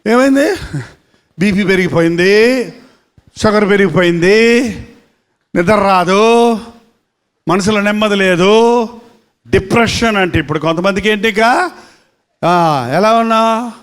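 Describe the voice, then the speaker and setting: A man's voice: high-pitched, unhurried, long pauses, smooth. A male pastor preaching a sermon in a dramatic, emphatic way, full of rhetorical questions.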